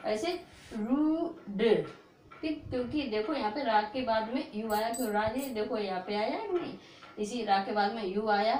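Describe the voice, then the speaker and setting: An English teacher with a rather high, darkish voice teaches at a board for a video, repeating each word and drilling the class with questions like "what will you read?" The room is echoey with faint hiss.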